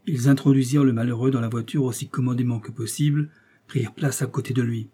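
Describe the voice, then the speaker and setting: A man giving steady, measured audiobook narration of a classic novel. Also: mid-range voice, husky.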